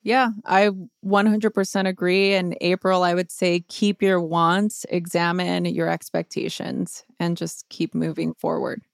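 Earnest low-pitched woman, gravelly edge. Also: flat delivery, a little slow, hardly any pauses, dry recording, studio quality. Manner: earnest, rhetorical questions, leans on "of course". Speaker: guest author. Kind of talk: reflective advice on a podcast.

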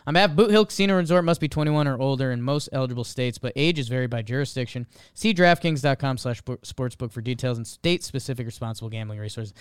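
A male host reading scripted ad fine print as a very fast legal disclaimer. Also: mid-range voice, smooth, no echo, clean studio sound. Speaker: show host.

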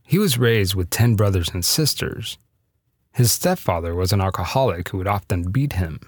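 Deep lively male documentary narrator. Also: normal speed, dry recording, studio quality. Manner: dramatic storytelling delivery. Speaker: narrator, podcast host. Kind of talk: scripted narration.

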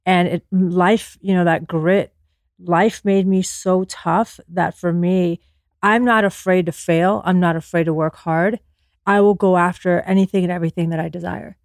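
A woman's voice: fairly low pitch, fairly even intonation, normal speed, dry recording, studio quality. A woman interview guest, born in Afghanistan and raised in the US, speaking earnestly and with self-assurance about her life. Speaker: podcast guest, entrepreneur. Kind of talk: candid interview conversation.

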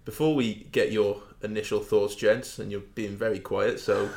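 A man hosting a rugby podcast in a relaxed, jokey way, teasing his co-hosts. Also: on the low side, normal speed, vocal fry. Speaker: podcast host, rugby writer. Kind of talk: casual podcast chat.

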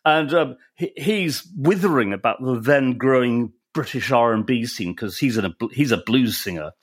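A man's voice: mid-range voice, moderate pace. A man co-hosting a casual chat, reading out quotes with relish. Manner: lively, reads out quotes with relish. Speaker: co-host.

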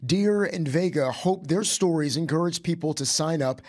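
A man's voice: a little high, moderate pace, darkish tone. A man narrating a scripted TV news report.

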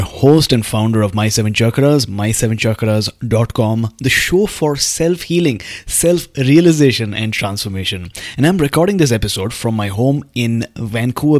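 A man's voice: medium pitch, dry recording, studio quality. A man hosting a podcast in an earnest monologue, speaking directly to the listener. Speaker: podcast host and meditation guide. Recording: music under the voice. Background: background music.

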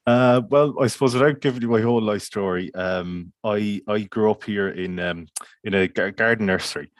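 A man's voice: lowish voice, normal speed, no room sound, clean studio sound. A man with a west of Ireland accent, chatting casually as an interview guest in a hesitant, meandering way. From County Mayo, Ireland. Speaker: podcast guest, community water officer.

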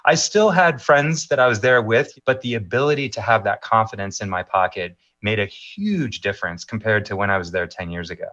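A middle-aged maps executive answers interview questions in measured, polished talking points, with the occasional filler. His voice is lowish and a bit bright, though the recording's high frequencies are cut off.

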